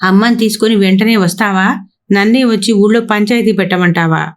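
A woman voicing a gruff, short-tempered older father in a storybook reading, scolding and giving orders. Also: mid-range voice, fairly even intonation, a little fast, pitched above the performer's own voice, lightly acted. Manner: scolding, commanding.

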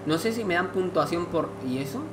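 A man's voice: a little high, animated, brisk, background noise. A man who chats and thinks aloud while playing a game, reading game text aloud as he goes. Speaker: gameplay commentator. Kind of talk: let's play commentary.

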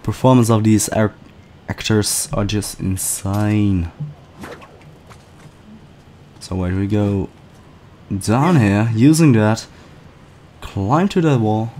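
A man casually commentating a video game playthrough, chatty and excitable, swearing often. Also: fairly low pitch, slow pace, long pauses, a little hiss or hum. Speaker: gameplay commentator. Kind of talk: casual let's-play commentary.

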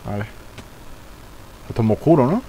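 A young man from streaming live gameplay, chatting casually, swearing and shouting when the game frustrates him. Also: mid-range voice, sing-song, moderate pace, a little hiss or hum, poor audio.

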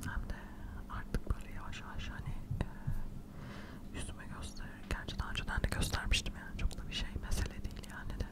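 A middle-aged woman, an ASMR video creator, whispers quietly and quickly into a fur-covered microphone held close to her mouth. Indoors in a furnished living room at home, she rambles in a casual, self-deprecating, hushed late-night chat.

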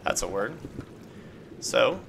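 A man's voice: mid-range voice, sing-song, takes it slowly, gravelly, heavy background noise. A man casually narrating a game-building tutorial step by step, upbeat and playful with little sound effects. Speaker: Minecraft video creator.

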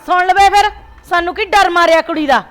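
A woman's voice: very high voice, brisk, soft background music. An actress playing a domineering older grandmother who scolds and mocks her family, in a short drama film. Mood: scolding. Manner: scolding, sharp-tongued, sarcastic.

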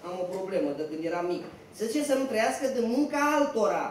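Young guy acting as a cocky lazy schemer, high voice, big echoey theatre sound from far off. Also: sing-song, a little mellow. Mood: boastful. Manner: swaggering, theatrical, laughing at his own schemes. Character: boastful cynical young man-about-town, idle schemer. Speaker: stage actor. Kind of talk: live stage comedy acting. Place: small cafe theatre stage, indoors. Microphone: far camera mic. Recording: echoey theatre, distant mic, noise.

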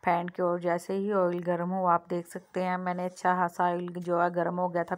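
Woman talking through a recipe in her kitchen, kinda flat even tone, homely chatter into a phone. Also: on the low side. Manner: homely, repeats "theek hai" and "mashallah" often. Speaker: cooking channel host. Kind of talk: casual cooking vlog narration. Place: home kitchen.

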